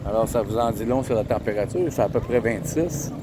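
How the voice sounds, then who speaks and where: Walking city streets at night, this travel vlogger talks casually into his handheld camera and points out sights to viewers in a Quebec French accent. He has a fairly low, fairly even voice and talks a little fast, over traffic and street noise.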